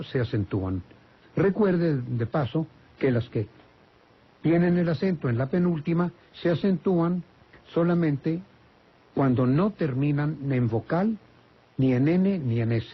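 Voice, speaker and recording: An older man with a Mexican accent explains words and accent rules for radio listeners. He speaks slowly and patiently, pausing and correcting himself as he goes. His voice is husky, and the broadcast sounds dull and lo-fi. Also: on the high side. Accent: Mexican Spanish. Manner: slow, explanatory, many hesitations and self-corrections. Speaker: language expert answering listener questions. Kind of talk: radio call-in chat.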